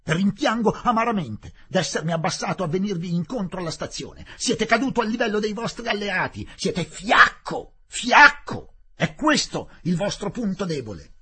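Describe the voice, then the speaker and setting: A man voicing an angry senior British official in an audiobook reading, shouting in rage with a husky voice. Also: high voice, wildly swooping pitch, moderate pace, voice pushed up, heavily acted. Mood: furious.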